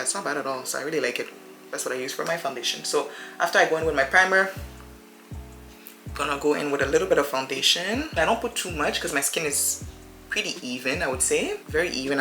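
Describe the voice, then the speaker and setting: Her voice sits low, bright and forceful: a thirty-something beauty vlogger doing her makeup in a casual get-ready-with-me video. She rambles on, speaking to viewers like friends, while the recording carries a roomy echo and faint background music.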